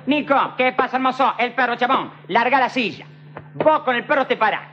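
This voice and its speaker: A man's voice: very high voice, a little fast, bright, forceful tone, faint music behind. A man with a Rioplatense accent playing a cocky streetwise hustler in a TV comedy sketch, rambling in heavy slang and checking again and again that he's understood. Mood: swaggering. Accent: Rioplatense Spanish. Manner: rambling, slangy, swaggering, keeps asking "all right?". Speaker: comic actor in a TV sketch. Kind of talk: TV comedy monologue in character. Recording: dull lo-fi 1990s TV tape with faint hiss.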